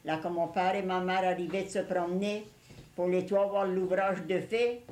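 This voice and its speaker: A woman's voice: lowish voice, steady tone, moderate pace, darkish tone, a little hiss or hum. An older woman from Louisiana with a Cajun French accent, reminiscing casually in plain rural speech mixed with English words. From Louisiana, USA. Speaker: interviewee recalling family life. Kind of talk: casual oral-history reminiscence. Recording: echoey room recording.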